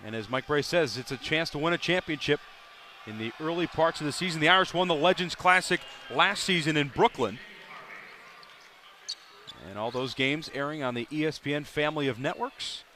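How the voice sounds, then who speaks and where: A man doing live play-by-play for a college basketball game, brisk and rising sharply on big plays. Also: fairly high pitch, bright, forceful tone, a little hiss or hum. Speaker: play-by-play announcer. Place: arena broadcast booth.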